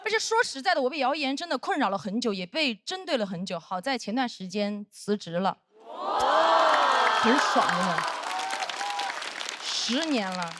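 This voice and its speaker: Brash high-voiced woman doing stand-up. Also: animated, fairly quick, hardly any pauses, over a noisy crowd. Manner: brash, punchy storytelling. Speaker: stand-up comedian. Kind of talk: stand-up comedy routine. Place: comedy stage with audience. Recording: noisy live stage recording.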